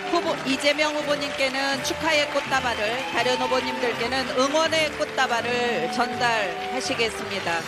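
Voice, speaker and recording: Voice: high-pitched, moderate pace, hardly any pauses. An event host making formal, polite and ceremonious announcements from a convention stage. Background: loud music.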